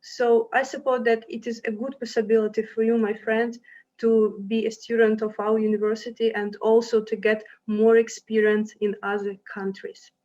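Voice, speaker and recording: A woman's voice: fairly high pitch, little pitch movement, moderate pace, mellow. Friendly woman presenting, many fillers, lo-fi. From Ukraine. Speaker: university representative. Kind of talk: online presentation to applicants. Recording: dull lo-fi sound.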